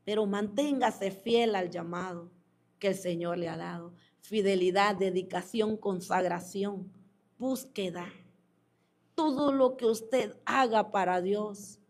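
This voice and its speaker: Slow, emphatic woman preaching a sermon. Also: mid-range voice, a little mellow. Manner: addresses listeners as beloved and reads out comments. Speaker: preacher hosting a program.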